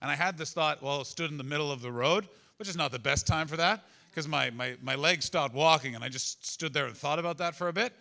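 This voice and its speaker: A man's voice: a little high, quick pace, creaky, hardly any pauses, bright, forceful tone. A man doing stand-up comedy crowd work and storytelling, conversational and profane, teasing his audience from the stage. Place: live comedy venue with an audience.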